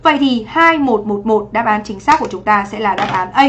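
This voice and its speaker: A woman's voice: mid-range voice, expressive, fairly quick, fairly bright tone, a little hiss or hum. A young adult woman from Vietnam teaching English on a livestream exam review, chatty and constantly checking in with rhetorical questions.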